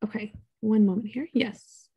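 A woman running the polls in an online meeting, speaking in a calm, matter-of-fact way over a video call. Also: medium pitch, normal speed, slightly rough, lo-fi sound.

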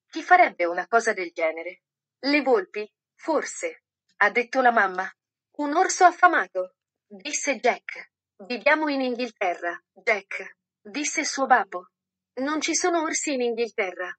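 A woman with a high, light voice reads a children's story aloud. Her delivery is gentle and steady, the pace of scripted narration.

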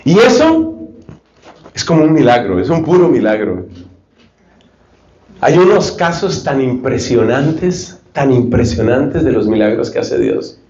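A male preacher giving a sermon, telling stories lively and acting out short dialogues. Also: medium pitch, a little slow, long pauses, a little hiss or hum. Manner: lively storytelling, acts out dialogues. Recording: roomy, slightly dull recording.

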